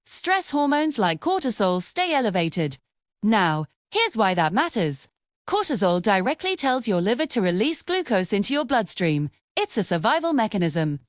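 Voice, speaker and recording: A woman's voice: fairly high pitch, no echo, studio quality. A woman hosting a health channel in a vlogger style, reading a scripted explainer and addressing viewers directly.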